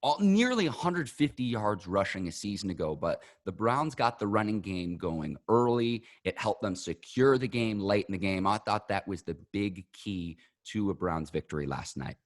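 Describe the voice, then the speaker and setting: Low-voiced male sports podcast host. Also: expressive, normal speed, few pauses, no echo, studio quality.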